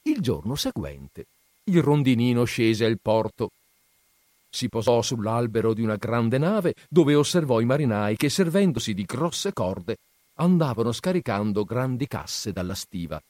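Man, storybook narrator, expressive, measured, mellow tone, dry close sound. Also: medium pitch, no room sound. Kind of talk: storybook reading.

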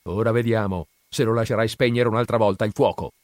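A man voicing a drunken, bullying father who shouts at his son. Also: lowish voice, fairly even intonation, a little fast, dry recording, close to an everyday voice. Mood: savage. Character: drunken brutal father, grown man, bitter temper.

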